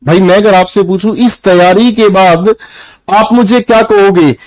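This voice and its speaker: In an online class lecture, a young Indian man teaches English grammar in Hindi, calling his students "beta" and quizzing the class as he goes in a firm, preachy way. His voice is high and steady, unhurried and darkish, with no room sound.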